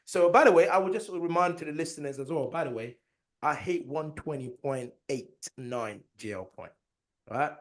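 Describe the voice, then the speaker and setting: Male podcast co-host, playful bragging delivery, casual chat, voice pitched a touch high. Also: normal speed. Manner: boastful, joking, laughs often.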